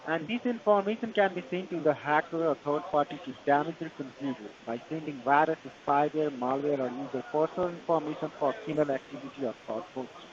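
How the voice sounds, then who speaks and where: A man with an Indian accent giving a tech support pitch in a call-center manner, halting and repetitive in non-native phrasing. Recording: dull lo-fi phone call, busy chatter behind.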